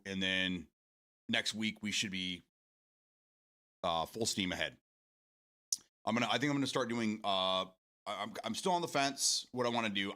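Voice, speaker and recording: A man's voice: on the low side, pushed and bright. A man in his forties hosting a casual morning stream, rambling, repeating words and swearing casually as he answers viewer comments. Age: 40s.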